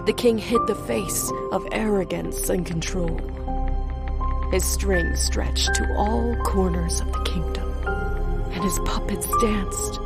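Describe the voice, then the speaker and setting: A mystical prophetic storyteller acted by a woman tells a cartoon fable over very loud music. The delivery is slow, solemn and grandiose, sinking into breathy whispers. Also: medium pitch. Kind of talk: theatrical fable narration.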